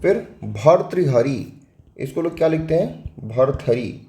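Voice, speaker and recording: A man with a Hindi accent teaching an exam-prep spelling lesson, his voice sitting a little high yet mellow. He walks through each word step by step, posing questions and answering them himself. The sound carries a roomy echo. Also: moderate pace. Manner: explains step by step, asks and answers own questions.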